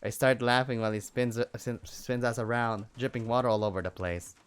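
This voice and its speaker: A man's voice: mid-range voice, fairly even intonation, fairly quick, clear, resonant tone. A man playing through a visual novel and reading its lines aloud in a playful, jokey manner. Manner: playful, jokey, breaks into loud yells. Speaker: let's play gamer.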